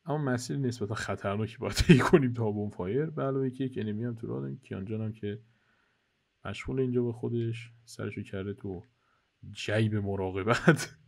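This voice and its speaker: Wearing a headset, a young man hosting his gaming channel jokes around, ribs his co-op teammate and walks viewers through the game. He speaks in a low, creaky voice with a darkish tone.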